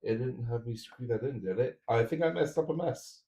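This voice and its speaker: A man's voice: medium pitch, a little fast, heavy background noise. A man streaming a 3D printer build, chatting casually with viewers while he assembles parts. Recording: roomy echo.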